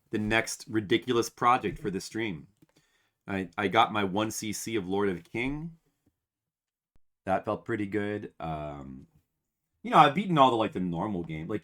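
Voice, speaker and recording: A man in his 40s with a low, fairly bright voice streams games from home, chatting casually and ramblingly to his viewers with self-mocking humor.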